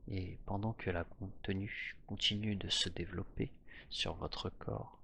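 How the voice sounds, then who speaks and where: A man narrating a guided hypnosis journey in a soft, slow voice that drifts into whispers. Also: sits low, fairly even intonation, vocal fry, slight background noise.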